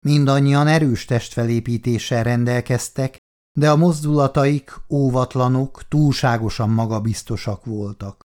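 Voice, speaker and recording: A man narrating an audiobook in a steady, measured reading voice. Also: mid-range voice. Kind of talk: scripted narration.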